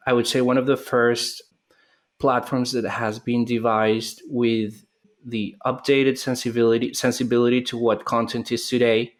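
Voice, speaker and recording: Thoughtful Colombian-born male founder. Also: medium pitch. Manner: thoughtful, with hesitations and restarts. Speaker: startup founder, guest. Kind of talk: interview answers.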